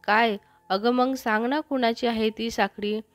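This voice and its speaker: A woman's voice: a little high, steady tone, a little slow, no echo, faint music behind, natural voice. A woman reading as a young man in love. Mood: excited.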